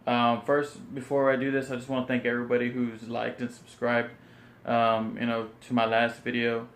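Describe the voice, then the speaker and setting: Guy starting his reaction vid, really flat voice, lots of ums, roomy echo. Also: medium pitch, normal speed. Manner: hesitant, full of ums, subdued. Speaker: reaction channel host. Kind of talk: casual reaction video intro. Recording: echoey room.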